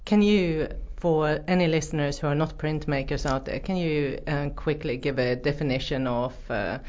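A woman with a very low voice hosts a casual interview, asking her guests encouraging questions. The sound is muffled and lo-fi. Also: moderate pace, darkish tone. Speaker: interviewer, host. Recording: muffled lo-fi recording.

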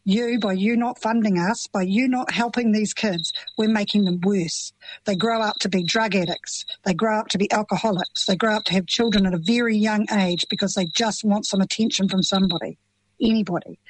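With a mid-range voice, a middle-aged woman with a New Zealand accent answers interview questions emotionally as the parent of children with FASD, earnest, plain-spoken and impassioned. The recording is low quality, with slight background noise.

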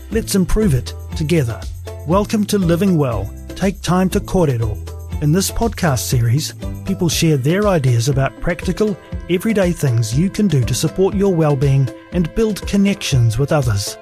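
A man reading a calm, scripted podcast introduction. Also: a little high. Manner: calm, measured announcer read. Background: soft music.

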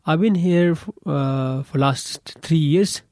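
A man's voice: a little high, slow, a little mellow, no room sound. A young man from Pakistan, a guest on a radio studio interview, speaking hesitantly with many fillers.

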